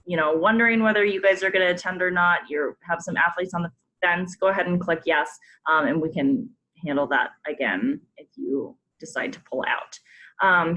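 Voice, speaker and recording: A woman with a fairly low pitch and fairly bright tone gives an instructional briefing on a coach conference call for a sports program staff. Walking through forms on screen, she stays friendly, uses frequent ums, and adds polite reminders.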